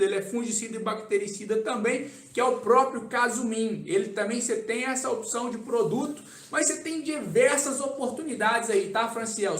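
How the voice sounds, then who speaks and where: A man with a very high voice and a Brazilian Portuguese accent talks casually through a live Q&A. He keeps checking in with his listeners, dropping "tá?" at the ends of his sentences. The sound is roomy and echoey. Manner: casual, relaxed, keeps adding "tá?" as a tag. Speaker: agronomy consultant answering viewer questions. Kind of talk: live-stream Q&A. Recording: echoey room.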